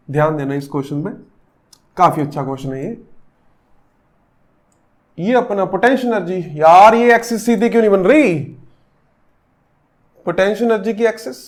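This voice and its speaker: A man's voice: sits high, a little mellow. A man in his thirties from India, teaching a physics lecture in a joking, teasing way and slipping English terms in. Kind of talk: classroom physics lecture with an anecdote.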